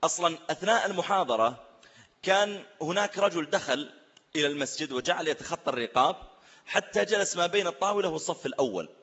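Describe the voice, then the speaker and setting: A man preaching a sermon, telling stories in an animated way and asking rhetorical questions. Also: a little high, big-room sound, muffled recording. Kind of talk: sermon with storytelling.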